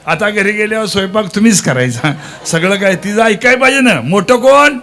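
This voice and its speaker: High-voiced man preaching a kirtan. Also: lively intonation, brisk, bright, forceful tone. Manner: teasing, quizzes the crowd, breaks into sung verses. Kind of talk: Marathi devotional kirtan sermon.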